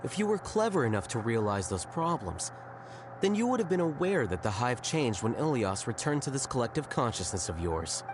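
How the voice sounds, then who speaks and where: An actor playing a calm, rational male scholar in a video game, speaking in a dry, matter-of-fact way. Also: mid-range voice, brisk, background noise, close to an everyday voice. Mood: coolly rebutting. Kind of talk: scripted video game acting.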